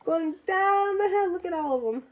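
A young woman with a very high, animated voice reads a picture book aloud at normal speed. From a small room at home, she adds simple questions and asides meant for young listeners.

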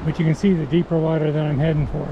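A man with a slightly high voice talks through his fly fishing in an easy, explanatory way, now and then talking to himself. He is recorded on a head-mounted camera out on a river bank. Loud rushing water runs under every word. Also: highs cut off. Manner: calm, explanatory, talking to himself between casts. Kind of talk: casual narration while fishing. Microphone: head-mounted action camera. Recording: outdoor camera audio with loud river noise. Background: rushing stream water.

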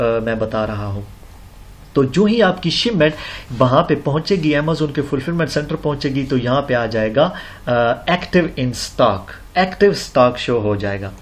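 A man narrating a screen-recorded seller tutorial, explaining step by step with many fillers and check-ins. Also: mid-range voice. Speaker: online seller tutorial host. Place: indoors at computer, voice-over on screen recording.

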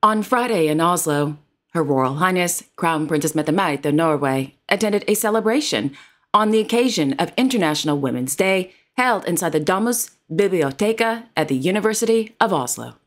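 A woman's voice: lowish voice, lively intonation, normal speed. A woman presenting royal news in a formal, carefully read narration. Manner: formal, reads titles and quotes carefully.

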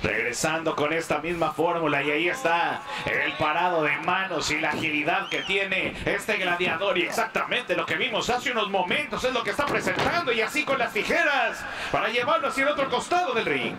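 A man's voice: high voice, a little fast. A man working as a wrestling commentator, giving live play-by-play in long, flowing descriptions of each move.

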